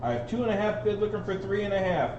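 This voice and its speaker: A man calls a live auction in a fairly high voice, repeating bids and bantering in a folksy way. He sounds set back from the microphone in an echoey room, and the sound is a little dull. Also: lively intonation, fast. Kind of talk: live auction calling, repeated bid chant. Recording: roomy, distant, dull sound with faint noise.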